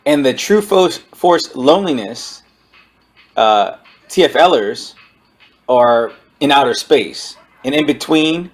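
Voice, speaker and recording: Over background music, a man gives an informal spoken book review, explaining his points haltingly. His voice is medium in pitch with lively intonation.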